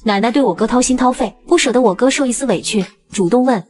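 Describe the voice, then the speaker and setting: A woman narrating a cartoon story in a brisk, dramatic storytelling way. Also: a little high, darkish tone.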